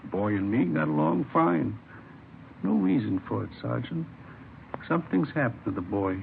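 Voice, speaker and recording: In a 1950s-style radio drama, an actor plays a worried, ailing 68-year-old grandfather of a missing boy, speaking in a plaintive, halting way. His voice is creaky, gravelly, medium-pitched and animated, heard on a tinny, hissy old radio recording.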